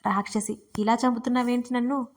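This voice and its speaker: A woman's voice: fairly high pitch, steady tone, fairly quick, natural voice. A woman voicing a nosy, teasing young friend. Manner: chatty, prying, playfully mischievous. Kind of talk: audiobook character reading.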